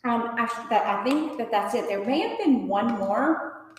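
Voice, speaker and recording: A woman's voice: on the high side, lively intonation, normal speed. A woman co-hosting a casual trivia stream, hesitant and full of ums. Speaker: trivia co-host. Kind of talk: casual livestream chat. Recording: very echoey room with long reverb.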